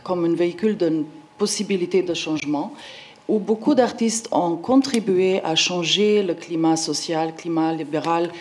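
A woman's voice: lowish voice, darkish tone. A woman in her forties with a Slovenian accent, giving an informal conference talk in a hesitant way, searching for her words. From Slovenia, former Yugoslavia. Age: 40s. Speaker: independent art curator, panel speaker.

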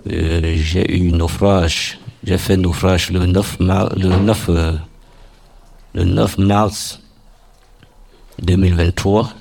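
A man's voice: low voice, level tone, takes it slowly, vocal fry, long pauses, a little mellow, a little hiss or hum. A man from Cameroon, giving a formal, earnest personal testimony at a workshop.

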